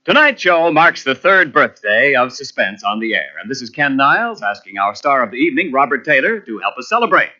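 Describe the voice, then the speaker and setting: A man's voice: mid-range voice, big pitch swings, a little fast, few pauses, sharp tone. A man as a polished, emphatic announcer reading scripted sponsor copy on 1940s radio. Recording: muffled old radio tape.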